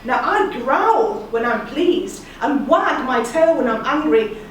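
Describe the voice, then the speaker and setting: A woman's voice: on the high side, expressive, slow pace, slight background noise. Woman reading as the grinning mad Cheshire Cat. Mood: teasing. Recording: very echoey room, distant mic.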